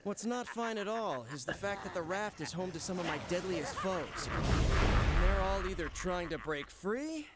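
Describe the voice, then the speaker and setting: A man's voice: high-pitched, animated, measured pace, very noisy. An actor playing a quippy, cocky, plucky young male superhero in a video game. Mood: wry. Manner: wisecracking, cocky. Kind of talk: animated video game voice acting. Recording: game music under the voice.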